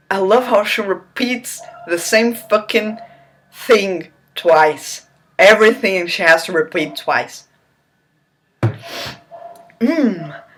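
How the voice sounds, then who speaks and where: A woman with a mid-range, fairly bright voice gives a theatrical, mocking dramatic reading of a novel. She keeps breaking off into incredulous, laughing asides.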